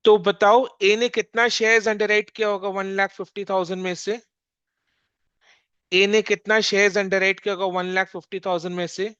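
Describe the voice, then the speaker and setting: A commerce teacher giving a recorded accounting lesson, working through a problem slowly and repeatedly quizzing the listener. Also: mid-range voice, little pitch movement, a bit bright, clear, resonant tone, no room sound, dull audio. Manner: slow, repetitive, quizzing the listener.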